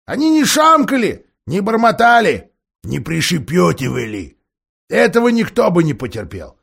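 A man's voice: high-pitched, huge pitch swings, moderate pace, creaky, a bit bright, husky, voice pushed up, full character voice. A man voicing a grumpy, half-deaf old male dwarf lord who grumbles and mishears words.

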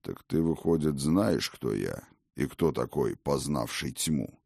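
A man reads the part of an ancient, imperious god-king with a very deep, gravelly voice. He speaks slowly and commandingly, his pitch swinging widely. The sound is close and dry. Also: animated, darkish tone, no echo, exaggerated voice. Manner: commanding, slow and rumbling. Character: old male god-king, imperious and hearty. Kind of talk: audiobook character reading.

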